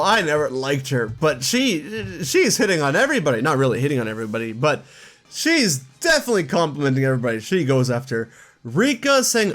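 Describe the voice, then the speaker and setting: A man chatting casually in his own commentary video, quick asides and laughing at his own jokes. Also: medium pitch, fairly bright tone. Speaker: YouTube gaming commentator.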